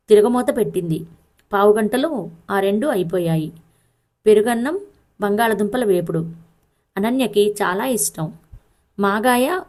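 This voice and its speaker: A woman reading a family story aloud, in a steady, emotional read-aloud delivery. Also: medium pitch. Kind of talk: scripted story narration.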